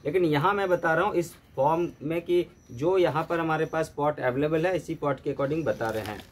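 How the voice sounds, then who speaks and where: Gardening instructor, male, somewhat high voice, steady and methodical how-to delivery, light background noise. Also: normal speed. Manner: steady step-by-step explaining, mixing in English terms.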